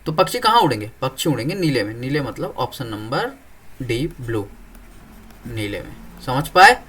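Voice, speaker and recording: A man's voice: medium pitch, sing-song, normal speed, a bit bright. A young man teaching an exam-prep reasoning lesson, explaining step by step and often asking whether students follow. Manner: explains step by step, keeps checking "clear?".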